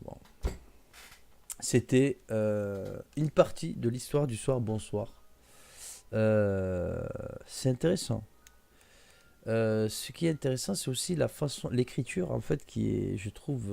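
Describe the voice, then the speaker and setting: A man's voice: lowish voice, lively intonation, measured pace, gravelly, mellow. A young man reading a classic story aloud as a streamer, breaking off for hesitant, filler-heavy asides. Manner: hesitant asides with many fillers between read passages.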